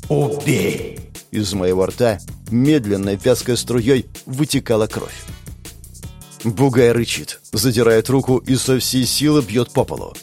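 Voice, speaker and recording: A man's voice: medium pitch, unhurried, darkish tone, soft background music. A man giving dramatic, intense narration of a combat fantasy audiobook. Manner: intense, gritty storytelling.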